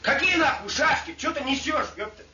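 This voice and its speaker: An actor playing a furious, foul-mouthed captive soldier who shouts and mocks. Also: male voice, extremely high pitch, lively intonation, normal speed, recorded from a distance. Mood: mocking, angry. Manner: shouting, swearing constantly, mocking. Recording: echoey lo-fi room from afar with faint noise.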